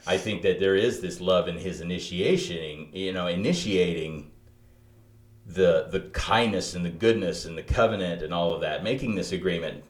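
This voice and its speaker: Deep-ish guy talking theology on a podcast, echoey room, gets animated, restarts a lot. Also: moderate pace. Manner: animated, thinking aloud with many restarts. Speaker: podcast co-host. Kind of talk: theological conversation.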